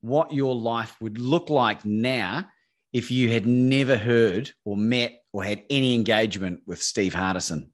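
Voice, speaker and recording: A man's voice: medium pitch, unhurried. A man hosting a podcast interview in a friendly, joking way. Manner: friendly, joking, laughs easily. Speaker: podcast host. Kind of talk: conversational interview.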